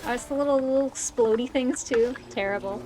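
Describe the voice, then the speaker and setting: A woman streamer with a fairly high voice, talking a little fast, gives casual live commentary while playing a video game. She's chatty and playfully grumbling, often muttering to herself. Game music plays behind her, and the recording quality is low.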